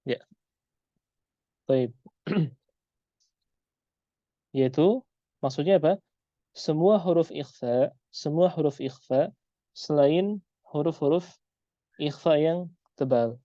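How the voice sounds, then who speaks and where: A man teaching Quran recitation in an online lesson, patiently repeating example sounds slowly. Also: a little high, mellow, no echo, muffled recording.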